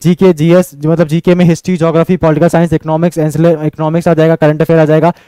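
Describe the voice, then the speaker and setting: A man's voice: a little high, flat delivery, mellow, clear, resonant tone, dry recording. A young man coaching students on exam strategy, direct and insistent, who keeps checking in with his listeners. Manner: fast, repeatedly checks in with "ठीक है?".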